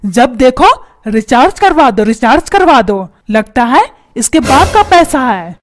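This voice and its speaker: A woman's voice: sits high, big pitch swings, a little slow, a little hiss or hum. A woman voicing a hot-tempered, stingy cartoon father who scolds and barks orders. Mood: scolding. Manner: scolding, bossy, shouting orders.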